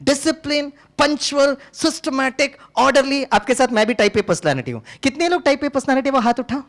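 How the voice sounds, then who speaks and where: A middle-aged man from Tamil Nadu, an engineering teacher giving a lively motivational talk to a live audience, switching between Hindi and English and acting out dialogues. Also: extremely high pitch, brisk. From Tamil Nadu, India. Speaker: engineering teacher and spiritual speaker.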